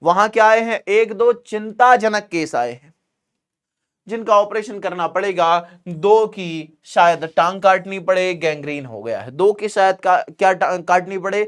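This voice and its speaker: A man's voice: high voice, a little slow, clean tone. A man teaching a Hindi literature chapter, reading lines aloud and explaining them in a chatty, repetitive way, acting out dialogue. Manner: conversational, repeats lines, calls students beta; acts out quoted dialogue with a raised voice.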